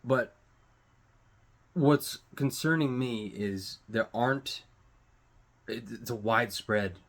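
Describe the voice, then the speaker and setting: In a mid-range voice, a man rambles through unscripted news commentary on his own online show. His delivery is casual and halting, with casual swearing as he gropes for words.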